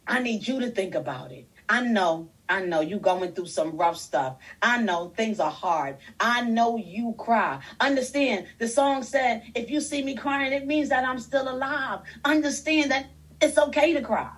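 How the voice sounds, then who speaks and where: A woman in her fifties preaching a sermon, fervent and full of repeated refrains that build toward shouting. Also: on the high side, measured pace, slightly rough, far from the mic, low-quality recording. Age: 50s.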